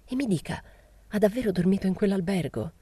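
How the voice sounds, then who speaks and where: A woman's voice: mid-range voice, lively intonation, fairly quick, mellow, husky, no echo, pitched above the performer's own voice. A woman voicing a gossipy fat old woman who pries furtively and drops into whispers. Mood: prying whispers.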